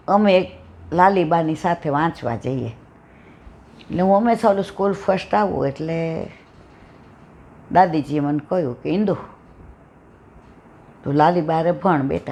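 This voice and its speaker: Older woman with a gravelly lilt. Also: low voice, darkish tone. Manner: earnest, conversational, asks the listeners questions. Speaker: satsang speaker. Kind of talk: devotional talk with personal storytelling.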